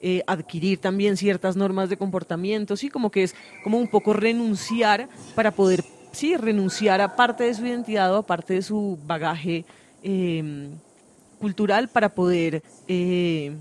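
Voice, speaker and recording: A woman's voice: mid-range voice, unhurried, a little mellow. Woman host, thoughtful, talks in long hesitant stretches, light background noise. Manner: reflective, explains at length with many fillers. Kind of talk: conversational radio interview.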